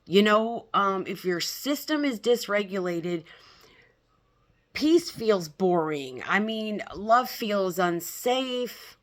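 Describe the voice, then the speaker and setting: A woman talking casually as a self-help influencer, blunt and emphatic, haltingly checking in with her listeners. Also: mid-range voice, lively intonation.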